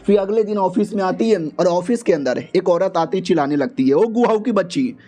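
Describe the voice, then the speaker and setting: A man's voice: sits high, a little fast, warm tone. A young man casually retelling an anime story in a slangy, crude, jokey way. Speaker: anime recap narrator.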